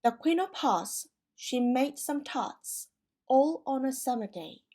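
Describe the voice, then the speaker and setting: A woman's voice: sits high, lively intonation, slow, darkish tone, voice pushed up, heavily acted. A woman voicing a fussy male rabbit herald in a storybook reading, announcing in a sing-song recital. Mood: proclaiming.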